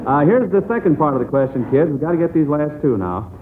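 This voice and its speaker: This man, standing in as quizmaster on a 1940s radio quiz, talks with kids in a warm, folksy way. He speaks at a quick pace with a fairly high, expressive voice, heard through a tinny and noisy vintage broadcast.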